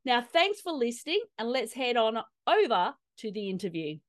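A woman's voice: on the high side, very animated, normal speed, no echo, studio quality. A woman hosting a podcast, enthusiastic and upbeat as she talks. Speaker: podcast host. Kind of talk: podcast interview and promo.

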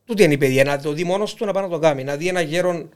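Cypriot Greek man, talkative and halting. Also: fairly high pitch, clear, resonant tone. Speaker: interview guest, musician. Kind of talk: casual conversation.

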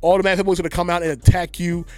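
A man's voice: high-pitched, very fast, no room sound, faint music behind. A man co-hosting a podcast, ranting in casual chat and sometimes mocking voices. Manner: animated, ranting, mocking voices mid-rant. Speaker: podcast co-host.

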